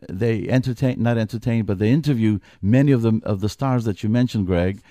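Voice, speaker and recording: A middle-aged Greek man who serves as a wrestling commissioner speaks as a guest in a radio studio interview. His voice is warm and fairly low, with no room sound, and he comes across as earnest, often restarting his sentences.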